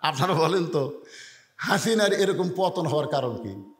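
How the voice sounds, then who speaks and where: A man from Bangladesh, preaching a sermon full of folksy stories and prodding the crowd for answers, at times bursting into shouts. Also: a little high, very animated, unhurried, echoey room. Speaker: Islamic preacher. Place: open-air religious gathering.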